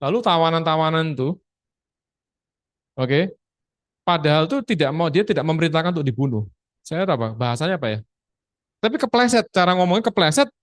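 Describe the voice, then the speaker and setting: Lively exhorting male Bible teacher. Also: on the high side, a little fast, long pauses, no echo, studio quality. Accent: Indonesian. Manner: exhorting, mixes English quotes into Indonesian, demonstrates commands loudly. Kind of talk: church lesson over a video call. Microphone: video call.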